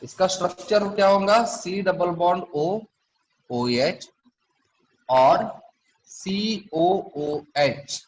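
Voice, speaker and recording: A man's voice: high voice, drawn-out words, rough recording. A man teaching a chemistry class, explaining step by step and quizzing his students. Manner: asks the class questions often. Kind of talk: classroom lecture.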